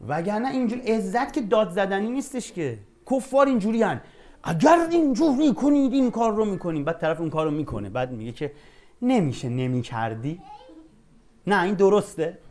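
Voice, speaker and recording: A man with a somewhat high-pitched voice leads an informal Quran class. He talks to his students in a loose, chatty way. He slows down when he recites Arabic verses. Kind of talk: informal religious lesson.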